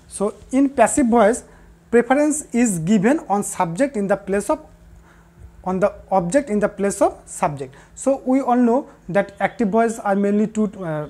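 A woman teacher speaks in a warm, mellow tone. She talks at a middling pitch and says each key answer twice. Short pauses and fillers break up her explanations. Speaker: English teacher. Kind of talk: recorded classroom lesson.

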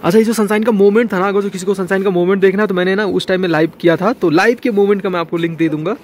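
A man vlogging from a hotel balcony in the snowy mountains, excited and chatty, slipping English phrases into his talk and coughing now and then. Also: sits high, racing, a little hiss or hum. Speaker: travel vlogger. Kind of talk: casual vlog narration.

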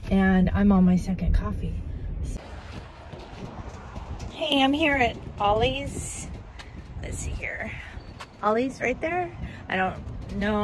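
A woman's voice: mid-range voice, noisy background. An older woman chatting casually to her phone camera while sitting in her car on a rainy day, talking easily about her gig work. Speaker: gig worker vlogger. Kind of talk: casual vlog chat. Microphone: phone camera on dashboard.

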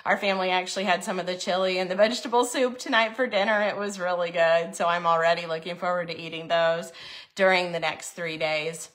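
A woman in her forties hosting a casual live video from her kitchen, chatty and filling pauses with frequent "um"s. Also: lowish voice, fairly even intonation, fairly bright tone. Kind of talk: casual live-stream chat. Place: home kitchen, indoors. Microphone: phone camera held close.

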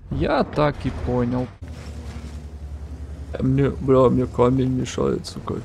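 A man's voice: medium pitch, flat delivery, slow pace, gravelly, darkish tone, a little hiss or hum. A man doing casual gameplay commentary in a slangy, jokey way with heavy swearing. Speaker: gaming video maker.

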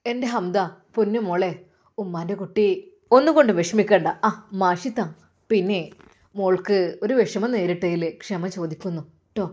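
A woman's voice: medium pitch, normal speed, long pauses, a little mellow, lightly acted. Woman voicing a kindly older mother figure. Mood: tender. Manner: tender, comforting.

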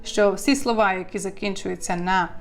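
A woman teaching an online language lesson, drilling words slowly and asking her learners questions. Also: medium pitch, soft background music.

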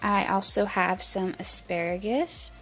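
A young woman explaining a home cooking recipe step by step in a relaxed, casual voice-over from her kitchen. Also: mid-range voice, measured pace, soft background music, rough recording. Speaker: cooking vlogger.

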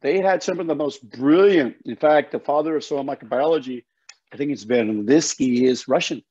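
A dark-toned, medium-pitched male voice with a breathy edge moves at a moderate pace, belonging to an older guest who teaches soil health. Over slightly dull video call audio from his home office, he explains things with passionate, folksy emphasis in an interview setting.

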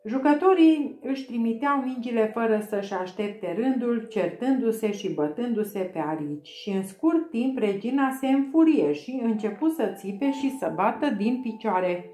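A woman reading a children's storybook aloud at a steady, measured pace. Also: on the high side, roomy sound. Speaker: audiobook reader. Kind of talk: storybook narration.

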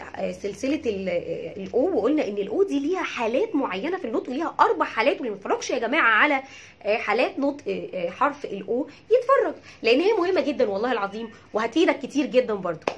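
A woman with an Egyptian Arabic accent teaching English pronunciation, drilling each word by repeating it and checking in with her listeners. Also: high-pitched. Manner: checks in with "tamam?". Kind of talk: pronunciation lesson.

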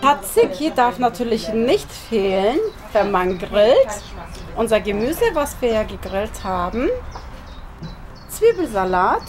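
A woman's voice: on the high side, expressive, takes it slowly, over music. A woman in her thirties with a Turkish accent, chatting through a home cooking vlog and explaining each step as she goes. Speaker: cooking channel host. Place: home kitchen and garden barbecue.

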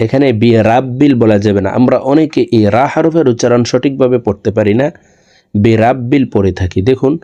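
A man teaching Quran reading, spelling out each letter slowly and then chanting the verses long and drawn out. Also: medium pitch, dark tone, dull audio. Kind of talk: recitation lesson.

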